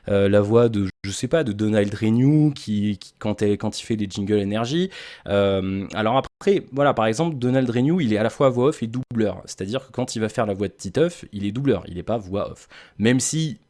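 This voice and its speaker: A man who works as a voice-over artist, explaining himself to his viewers in a casual vlog, halting and restarting often, with wry asides. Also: fairly low pitch, warm tone, no room sound, studio quality. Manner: direct address to viewers.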